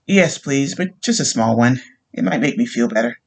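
A man voicing a grieving young wife who is sweetly persuasive, soft and overly polite. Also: mid-range voice, lively intonation, moderate pace, vocal fry, slightly rough. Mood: coaxing.

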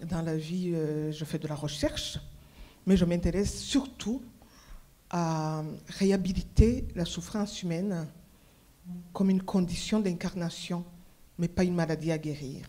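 A woman's voice: on the low side, steady tone, dark tone. Reflective Rwandan-born woman on a panel. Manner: measured, reflective storytelling. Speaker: professor and panel speaker. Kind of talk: panel conversation. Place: conference stage. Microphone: handheld mic.

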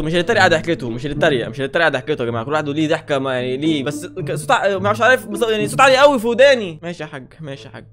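A young man with an Egyptian accent, reacting to clips in an exasperated, animated way and repeating himself. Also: a little high. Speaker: YouTuber. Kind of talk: reacting to clips for a laugh challenge.

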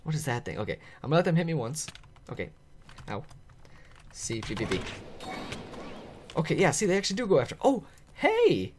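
A man narrating his video game play to viewers in an excitable, chatty way, laughing often and reacting out loud. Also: a little high, fast, long pauses, slight background noise. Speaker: gaming channel host. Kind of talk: let's play commentary.

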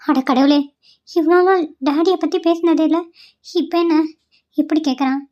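A woman's voice: sits high, normal speed, muffled recording, close to an everyday voice. A woman voicing a worried young mother in a cartoon, anxious and fretful about her son.

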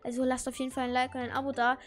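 A woman voicing an excitable, whiny thirteen-year-old boy who talks in exclamatory slang in a Minecraft role-play video. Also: sits high, very fast, close to an everyday voice. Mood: puzzled.

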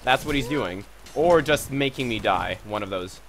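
A man's voice: mid-range voice, expressive, normal speed. A man commentating on his own gameplay in a casual, swearing, self-mocking way. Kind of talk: let's play commentary.

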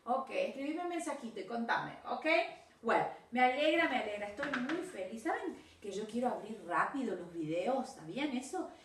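A woman's voice: a little high, very animated, normal speed, a bit bright, roomy sound, distant mic, slight background noise. A woman with a Rioplatense Spanish accent, teaching English to children in a video lesson. She is patient and encouraging, and mixes Spanish and English.

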